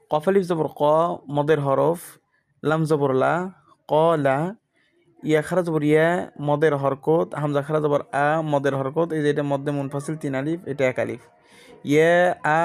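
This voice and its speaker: A man teaching Quran reading, spelling out Arabic letters and vowel marks one at a time in a slow, methodical drill. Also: a little high, gravelly.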